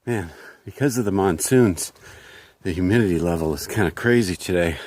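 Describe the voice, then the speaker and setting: Guy w a lowish voice talking plants while hiking outside, chill trail vlog vibe. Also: moderate pace, darkish tone, slight background noise. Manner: chatty, explains plants as he walks. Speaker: hiking vlogger. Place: outdoors on a canyon hiking trail.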